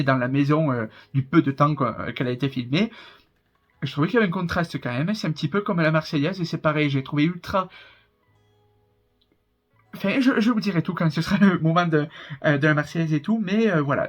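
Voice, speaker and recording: A man's voice: on the high side, a little fast, lo-fi sound, soft background music. A man in his twenties with a southern French accent, chatting casually and rambling in a reaction commentary, laughing often. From southern France. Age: 20s. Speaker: reaction YouTuber.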